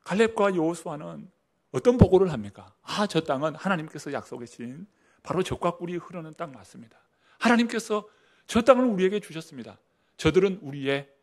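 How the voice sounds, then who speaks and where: A middle-aged man preaching a sermon as pastor, with emphatic declarations that drop to hushed asides. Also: mid-range voice. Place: church sanctuary.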